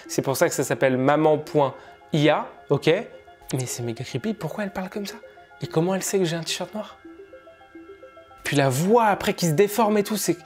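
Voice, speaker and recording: This young man's voice sits a little high and sounds a little mellow as he speaks into a headset mic. He's a gaming and tech YouTuber making a reaction vlog, laughing nervously and repeating himself when he gets uneasy.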